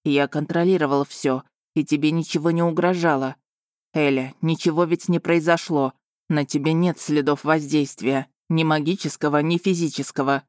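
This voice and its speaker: A woman's voice: low-pitched, fairly even intonation, moderate pace, a little mellow, no room sound, studio quality, natural voice. A woman voicing a stern, commanding duke who gives curt, clipped orders. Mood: insistent.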